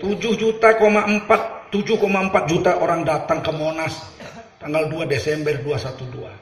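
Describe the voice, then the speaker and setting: A middle-aged man from Medan preaching a humorous sermon, telling lively stories and acting out little scenes. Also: on the high side, moderate pace, roomy sound, a little hiss or hum. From Medan, Indonesia. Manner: animated storytelling with acted voices.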